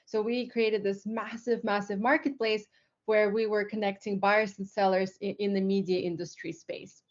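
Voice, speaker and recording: A woman's voice: medium pitch, flat delivery, normal speed. A woman from Lithuania, a tech company co-founder, giving a casual webinar presentation with many fillers and restarts over a video call. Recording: slightly dull online call audio.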